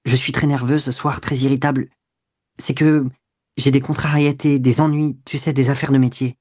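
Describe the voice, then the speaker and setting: A hard-up young man in an audiobook, grumbling curtly and then pleading in a rush, as a man reads him. The voice stays near the narrator's own mid pitch. The sound is dry and close to the mic. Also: flat delivery, moderate pace, a little mellow, no echo, natural voice. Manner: gruff, then stammering and begging. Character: broke, irritable young man, pleading when cornered. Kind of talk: audiobook dialogue.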